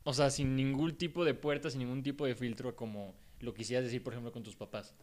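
A man's voice: medium pitch, steady tone, fast, a little mellow. A man with a Mexican Spanish accent, a guest in a casual chat, who thinks aloud and explains his points with examples.

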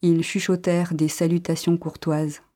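A woman narrating a literary story in the first person, reading in a calm, measured way. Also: fairly low pitch.

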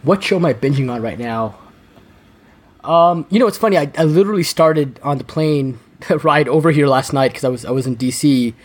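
A man chatting as a podcast guest, talking fast with many restarts and repeated words. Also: fairly high pitch. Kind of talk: casual interview chat.

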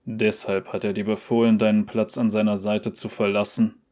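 A man's voice: fairly low pitch, little pitch movement, normal speed, darkish tone, natural voice. A man voicing a grieving young prince who speaks in a subdued, bitter way.

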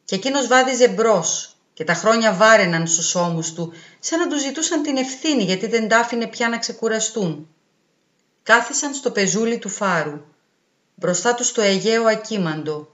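A woman reading a literary story aloud in a calm, measured way. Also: a little high. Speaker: audiobook reader. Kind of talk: literary narration. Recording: roomy, dull, with faint music.

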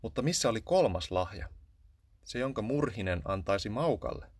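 Low-voiced man reading a storybook. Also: expressive, slightly rough, dry recording, studio quality. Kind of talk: scripted storybook narration.

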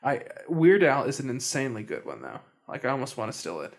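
A man's voice: mid-range voice, wildly swooping pitch, fast. A young man hosting a casual podcast chat, often hesitant and restarting his sentences. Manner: hesitant, many restarts and stammers. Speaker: podcast host.

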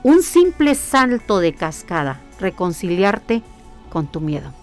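Earnest woman explaining slowly. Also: on the low side, very animated, soft background music. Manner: earnest, repetitive, explaining with rhetorical questions. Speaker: guest, spiritual hiking workshop leader. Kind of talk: conversational interview.

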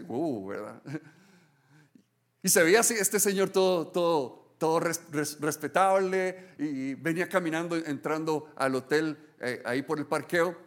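High-voiced male pastor preaching. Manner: earnest storytelling, many restarts and "¿verdad?" tags; swings between hushed and excited. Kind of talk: sermon. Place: church.

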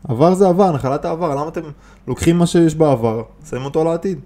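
A man who hosts a business-and-mind podcast and works as a business coach speaks in a fairly high, mellow voice. His motivational talk is casual and emphatic, full of rhetorical questions and frequent restarts.

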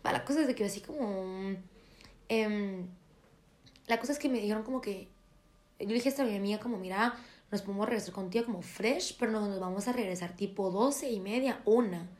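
A woman's voice: medium pitch, a little fast. A young woman, chatting casually and acting out quoted dialogue as she tells a story. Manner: animated, acts out quoted dialogue.

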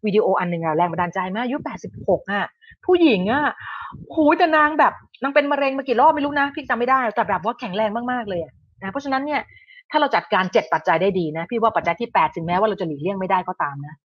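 A woman's voice: mid-range voice, animated, fast talker, no echo, highs cut off. A woman giving a casual online health lecture in a chatty way, sprinkling English medical terms and often restarting her sentences.

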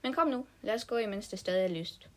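A woman reading a story aloud and voicing Lise, a calm girl who reassures the others and takes charge. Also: mid-range voice, lightly acted. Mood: easygoing.

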